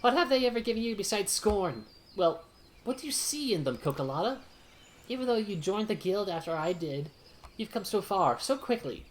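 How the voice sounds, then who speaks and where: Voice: mid-range voice, sing-song, normal speed, natural voice. A streamer voicing an earnest, troubled archer in a put-on British accent, reading game dialogue aloud.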